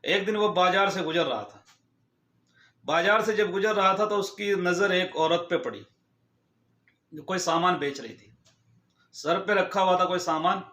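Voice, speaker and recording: High-voiced man telling a moral story. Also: a little slow, pauses often, bright, forceful tone. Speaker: storyteller vlogger. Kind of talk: casual moral story narration. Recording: echoey room.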